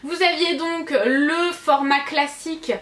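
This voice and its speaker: A woman with a high voice chats through a beauty haul, gushing over every box and filling gaps with little hesitations. She corrects herself often and keeps it casual. The room around her rings with echo. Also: fairly even intonation, takes it slowly, fairly bright tone. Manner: chatty, gushing, many fillers and self-corrections. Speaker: beauty vlogger. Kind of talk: casual product review.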